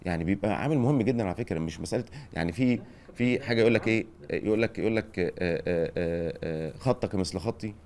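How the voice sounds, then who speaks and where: A middle-aged man with an Egyptian Arabic accent, a podcast host and former football director, chats and gives advice rapid-fire. His voice sits low with a darkish tone, and he often checks in with rhetorical questions.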